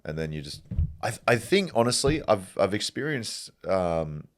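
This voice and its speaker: Deep-voiced man ranting casually. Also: very animated, moderate pace. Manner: rambling, profane, joking, laughs often. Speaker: podcast host. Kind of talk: casual solo podcast monologue.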